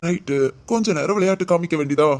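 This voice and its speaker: A stern policeman husband, acted by a man, rattling off scolding lines at a brisk clip. His tone is mock-stern, with quick teasing comebacks. It plays out as an audio drama. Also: sits high.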